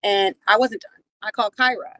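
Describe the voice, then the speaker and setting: A woman hosting a livestream, telling a personal story in a profane, animated way. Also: medium pitch, moderate pace, no room sound, low-quality recording. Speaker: livestream host. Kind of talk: casual storytelling.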